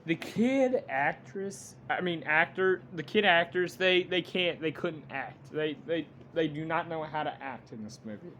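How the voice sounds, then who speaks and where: A man giving an unscripted movie review rant, halting and blunt, with frequent restarts. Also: a little high, lively intonation, fairly bright tone, slight background noise.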